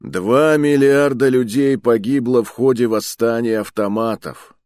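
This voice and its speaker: A man doing a booming orator mentor. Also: expressive, measured pace, darkish tone, no room sound, clean studio sound, natural voice. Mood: declaiming. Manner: thundering, declamatory speech. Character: booming adult male mentor, grand orator.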